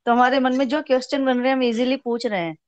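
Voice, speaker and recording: A woman's voice: high-pitched, fairly even intonation, quick pace, a little mellow, no room sound. A woman student who speaks politely and eagerly, answering her teacher in a class.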